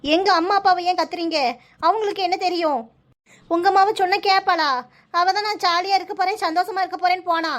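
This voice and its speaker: A woman's voice: very high voice, steady tone, a little fast, fairly bright tone. A woman voicing a distraught village mother in a cartoon, scolding and despairing, with a Kanyakumari Tamil accent. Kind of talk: cartoon voice acting.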